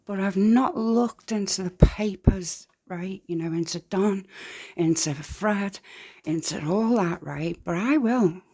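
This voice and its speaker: A woman from near Liverpool, with a light Liverpool accent, offers rambling, candid true crime commentary in a casual way. Her mid-range voice is warm, and she takes it slowly.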